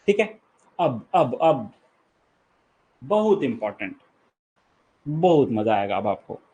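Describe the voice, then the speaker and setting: A man's voice: a little high, darkish tone, husky. A man from India with an Indian accent, teaching an online exam-prep lecture. He explains key terms patiently, repeats them, and keeps checking that the students follow. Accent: Indian English.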